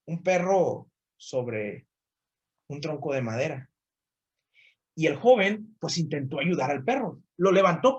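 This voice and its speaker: A man's voice: sits high, muffled recording. A man, a motivational trainer, telling a story with many repeated phrases and speaking directly to the listener.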